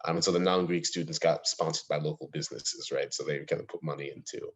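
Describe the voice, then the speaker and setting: A man's voice: extremely low pitch, steady tone, fast, breathy edge. A young man from Ohio, a podcast guest on a video call, telling stories eagerly with many fillers. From Ohio, USA. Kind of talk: casual interview chat. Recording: dull lo-fi call audio.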